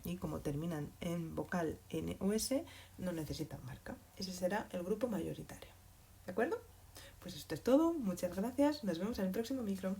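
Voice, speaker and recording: Mellow husky woman teaching Spanish. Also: fairly low pitch, expressive. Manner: patient, checks in with frequent "mm?"; slow and deliberate, spells out examples. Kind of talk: explaining grammar to learners.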